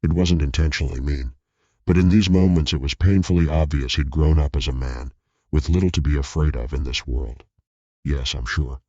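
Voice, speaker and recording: A man narrating a scripted horror story in a steady, tense way. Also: very deep voice, brisk, husky, no room sound. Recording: dull lo-fi recording.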